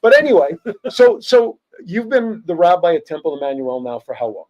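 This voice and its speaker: A man with a high-pitched voice conducts a casual podcast interview. His delivery is chatty and joking, full of easy banter. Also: animated, moderate pace, a little mellow, muffled recording. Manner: joking, conversational. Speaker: podcast producer acting as interviewer.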